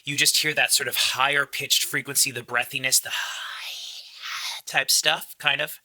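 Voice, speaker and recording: Man's thin, bass-less high-passed voice. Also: level tone, measured pace, bright, forceful tone, whispered. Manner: explains sound engineering in a loose, rambling way. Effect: high-pass filter, thin voice with no bass. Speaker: music reviewer. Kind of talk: casual album review.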